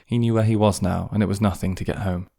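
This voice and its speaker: A man reading an audiobook with calm, even scripted narration. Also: on the low side, fast talker, gravelly.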